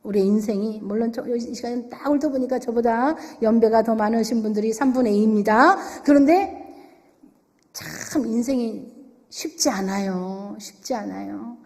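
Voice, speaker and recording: A woman pastor preaches emphatically in a fairly high voice, throwing out rhetorical questions. Her voice rings through a church sanctuary with a long reverb. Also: normal speed, darkish tone. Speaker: senior pastor. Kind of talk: sermon.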